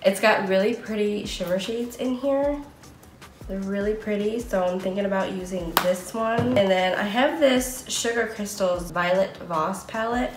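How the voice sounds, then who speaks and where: A woman's voice: mid-range voice, background noise. A woman in her late twenties chatting casually through a makeup tutorial, narrating each step in a friendly way. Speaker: makeup vlogger. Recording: echoey room, faint music behind.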